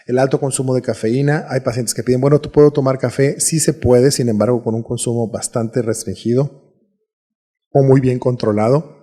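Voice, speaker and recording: A man's voice: medium pitch, steady tone, moderate pace, mellow, breathy edge. A man giving a recorded medical lecture with a Mexican Spanish accent, explaining steadily and often restarting or repeating words.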